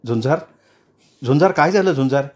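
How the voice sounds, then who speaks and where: A man voicing a caring young wife who speaks softly to calm her husband. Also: fairly high pitch, a little fast, close to an everyday voice. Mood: soothing.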